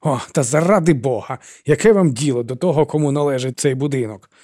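A man's voice: mid-range voice, fast talker, a little mellow, no echo, studio quality, pitched above the performer's own voice, close to an everyday voice. A man voicing a big, angry man who barks accusations at an old woman. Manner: harsh, barking, accusing.

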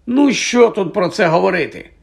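A man doing a vain, self-important wizard professor from a storybook, his voice jumping high as he stammers and hedges. The tone is husky and a little breathy. He lectures pompously between his nervous fillers. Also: animated, normal speed, full character voice. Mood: pompous, lecturing. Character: vain flustered male celebrity wizard professor.

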